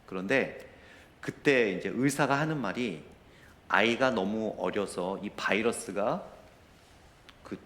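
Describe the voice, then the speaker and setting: A man's voice: lowish voice, slow pace, long pauses, a bit bright. A middle-aged man preaching a sermon as a pastor, telling a personal story and rising to emotional intensity. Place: church sanctuary. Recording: roomy church echo.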